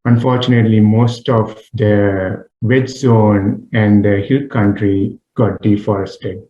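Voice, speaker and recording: A man from Sri Lanka talks as a radio guest and pauses often on fillers. His voice sounds dark and mellow. The remote line is dull and roomy. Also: lowish voice. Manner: halting, many "uh" pauses. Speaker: interview guest.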